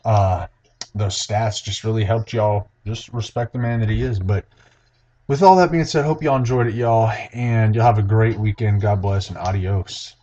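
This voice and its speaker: A young man rambles through casual sports talk, dropping plenty of "y'all." His voice is very deep and mellow. The recording sounds dull and lo-fi. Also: normal speed. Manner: rambling, folksy, says "y'all" a lot. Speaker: podcast co-host.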